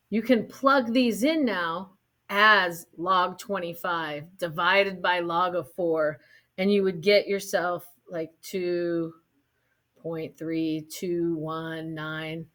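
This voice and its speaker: Her voice on the low side and a bit bright, a woman gives a casual math lecture. She repeatedly asks her students "right?" to check in and tosses them light jokes.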